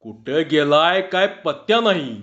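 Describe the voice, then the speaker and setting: A man's voice: a little high, animated, measured pace, fairly bright tone. A man voicing a flustered middle-aged village landowner who talks in rustic village speech. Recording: dull lo-fi recording.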